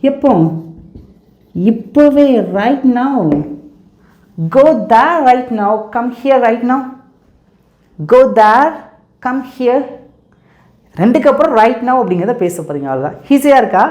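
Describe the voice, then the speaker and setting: Woman teaching english, kinda high voice, lots of repeat-after-me drilling, echoey room. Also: a little mellow. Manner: repetitive, drilling with quick questions and answers. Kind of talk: casual teaching in Tamil and English.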